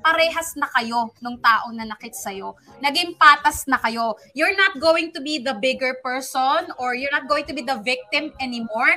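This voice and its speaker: A woman with a high, very bright voice giving listeners heartfelt advice. She talks earnestly in Taglish and keeps checking in with her co-host. Her delivery is warm in intent but sharp in tone. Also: unhurried. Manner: earnest, Taglish, many tag questions.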